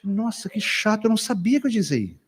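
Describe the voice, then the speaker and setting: Animated pastor preaching in a reverberant hall. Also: male voice, high voice, quick pace, breathy edge. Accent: Brazilian Portuguese. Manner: animated storytelling with acted quotes and sudden loud bursts. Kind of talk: lively sermon at a couples' retreat. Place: church hall.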